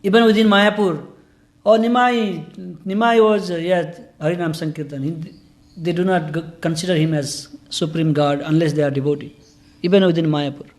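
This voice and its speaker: A man with a rather high voice gives a scripture class. He speaks in an earnest, informal way, and his English grammar is loose. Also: fairly even intonation, moderate pace, a little mellow. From Nepal. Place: temple hall.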